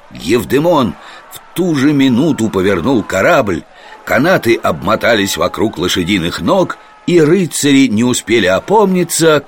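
A man narrating a children's storybook in an expressive, lively storytelling voice. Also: lowish voice, a little hiss or hum.

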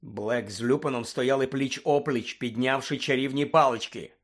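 A man narrating an audiobook in a steady, dramatic reading. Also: medium pitch, moderate pace.

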